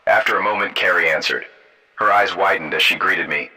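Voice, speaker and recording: A man narrating a first-person story in a steady, measured way. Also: low-pitched, rough recording.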